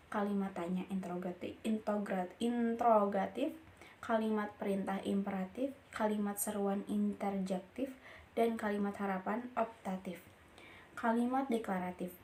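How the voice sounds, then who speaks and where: Young woman student reading class notes out loud, steady, trips on words sometimes, bit of noise behind. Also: medium pitch. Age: young adult. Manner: reads steadily from notes, with small slips and restarts. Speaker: university student presenting. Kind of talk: reading course material aloud.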